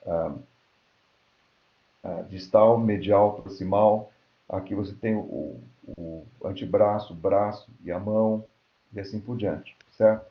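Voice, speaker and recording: A Brazilian man giving an academic lecture, explaining step by step and often checking in with "right?". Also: lowish voice. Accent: Brazilian Portuguese. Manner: explanatory, frequent checking tags like "né?" and "certo?". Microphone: computer mic on an online lecture platform. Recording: roomy, dull lo-fi online call audio.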